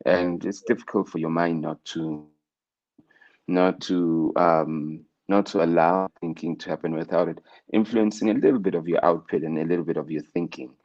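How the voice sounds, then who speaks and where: A man's voice: sits low, fairly even intonation, normal speed, darkish tone. A South African man talking in a casual conversation, reflective, with many fillers and restarts. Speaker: interview guest, rapper. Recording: dull lo-fi sound.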